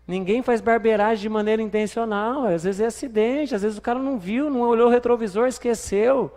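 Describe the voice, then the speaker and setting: High-voiced Brazilian pastor in a church hall. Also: male voice, brisk, a little mellow. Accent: Brazilian Portuguese. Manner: conversational preaching with playful asides and acted quotes. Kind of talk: sermon.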